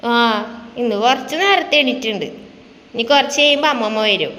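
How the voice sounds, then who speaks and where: A woman's voice: fairly high pitch, expressive, a little fast, a bit bright. A woman vlogger at home in her kitchen, talking to her small child in a coaxing, sing-song way full of questions. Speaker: vlogger and mother. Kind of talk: casual chat with a small child. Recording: reverberant room with faint background noise.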